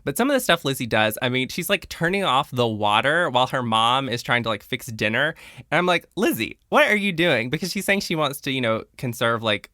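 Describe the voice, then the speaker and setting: A man's voice: medium pitch, expressive, fairly quick, few pauses, bright, forceful tone, no room sound, studio quality. A young adult man hosting a podcast, chatting casually and retelling scenes with playful quoted lines. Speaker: podcast host.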